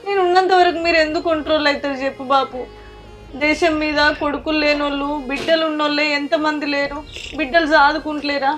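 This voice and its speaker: A woman's voice: sits high, steady tone, fast talker, a bit bright, soft background music. An actress playing a young pregnant daughter, soothing and reassuring her grieving parents.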